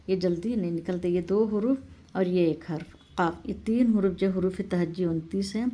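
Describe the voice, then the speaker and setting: A woman teaching the pronunciation of Arabic letters, who explains slowly and step by step and repeats each sound several times in a drawn-out way. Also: fairly low pitch, mellow. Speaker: Quran recitation teacher. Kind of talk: patient pronunciation lesson.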